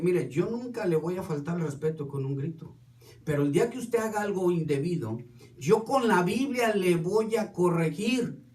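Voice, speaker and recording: High-voiced pastor preaching in an echoey hall. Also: male voice, a little mellow. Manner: storytelling with quoted dialogue. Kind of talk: sermon. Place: church hall. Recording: echoey hall, distant mic.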